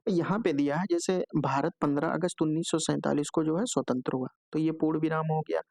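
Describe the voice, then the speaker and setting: A man's voice: a little high, fairly quick, vocal fry, a little mellow, no echo. A man teaching an exam-prep lesson, explaining step by step, often filling with a stock phrase and checking in with "okay" between points. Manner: explanatory, repeats filler "jo hai" often.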